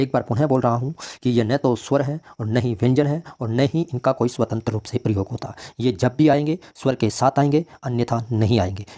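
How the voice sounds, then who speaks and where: Mellow-voiced male teacher lecturing. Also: mid-range voice. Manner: asks questions and answers them himself; repeats key points for emphasis. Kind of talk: classroom grammar lecture.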